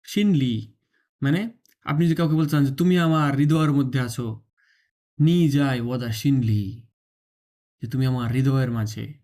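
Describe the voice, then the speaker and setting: A Mandarin teacher, giving an online lesson, repeating each sound slowly, showing tongue and breath, and often asking whether the learner follows. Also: mid-range voice, a little mellow. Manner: drills sounds by slow repetition, often checks understanding; demonstrates tongue and breath on camera.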